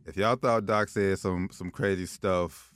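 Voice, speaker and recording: A man's voice: sits low, steady tone, measured pace, fairly bright tone, clear, resonant tone, no room sound, clean studio sound. A man hosting a sports talk show with casual, slangy banter, often repeating phrases for emphasis.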